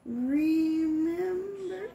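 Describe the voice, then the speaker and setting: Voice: very high voice, drawn-out words, warm tone, roomy sound, muffled recording. A voice coming through a spirit box radio sweep, single broken words cutting through static. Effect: crackly spirit box radio sweep.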